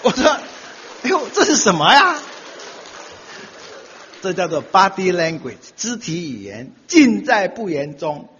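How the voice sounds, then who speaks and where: Middle-aged male speaker for a comic talk, animated and lively, forceful bright tone, roomy hall reverb. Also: high voice, a little slow, pauses often, slight background noise. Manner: animated storytelling, acts out quoted voices and laughs often. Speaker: speaker giving a talk on marriage. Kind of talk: humorous talk to an audience. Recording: dull lo-fi sound with long hall reverb.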